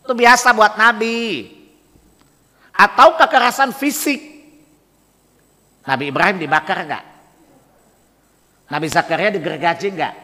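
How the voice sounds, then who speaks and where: High-voiced guy preaching in a mosque, slang, keeps throwing questions at the crowd, echoey hall. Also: a little slow, long pauses, bright, forceful tone. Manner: rhetorical, provoking the audience with repeated questions. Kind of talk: mosque sermon. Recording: long hall reverb in a mosque.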